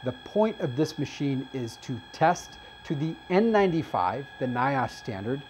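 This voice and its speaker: A man's voice: medium pitch, big pitch swings, unhurried, a little mellow, slight background noise, rough recording. A man hosting a casual review show, explaining test results as he goes with frequent fillers. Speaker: host reviewing face masks.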